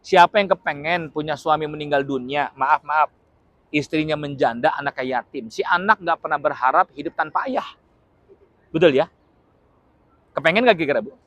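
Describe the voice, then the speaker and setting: A man preaching to a live audience in a fairly high voice, swinging between jokes and earnest points. He keeps checking in with his listeners and throws in acted-out shouts. The sound is close and dry. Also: normal speed, pauses often, no room sound. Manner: humorous, keeps asking the audience questions; acts out short dramatic quotes with shouts. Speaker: Islamic preacher. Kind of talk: lively religious lecture to a live audience.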